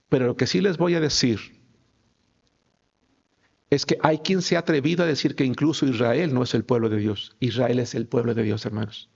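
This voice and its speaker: A man's voice: mid-range voice, creaky. A male pastor preaching a sermon, emphatic and firing rhetorical questions at his congregation. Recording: dull lo-fi recording.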